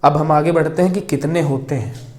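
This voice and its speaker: Hindi grammar teacher dictating slowly. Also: male voice, a little high, fairly even intonation, a little mellow. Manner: slow dictation, repeating words as he writes; explains by asking and answering his own questions. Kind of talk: whiteboard grammar lesson.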